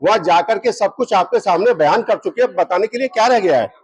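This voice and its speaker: A man's voice: high voice, animated, a little fast, a little hiss or hum, rough recording. A local party leader, a man, giving a press statement to reporters and arguing his case by citing book page numbers. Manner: argumentative, cites book pages as proof.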